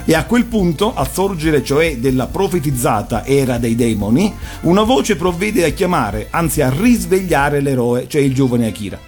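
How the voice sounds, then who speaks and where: A man's voice: a little high, sing-song, moderate pace, few pauses. A man giving an erudite, didactic commentary on animation. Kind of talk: explanatory talk, analysing cartoons. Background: soft music.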